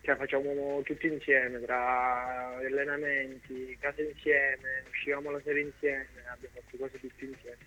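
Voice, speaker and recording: A man's voice: mid-range voice, little pitch movement, normal speed, hardly any pauses, pushed and bright, slight background noise, low-quality recording. A young man in his twenties calling in on speakerphone, trading playful teasing banter as a phone-in guest. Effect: on a speakerphone call. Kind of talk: casual chat.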